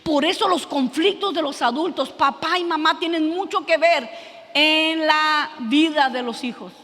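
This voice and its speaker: A woman preaches from the front of a church, her voice sharp and bright. She tells her story in an earnest, halting way, often restarting her sentences. A long reverb from the hall trails after her words. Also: high voice. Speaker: preacher giving testimony. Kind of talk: sermon testimony.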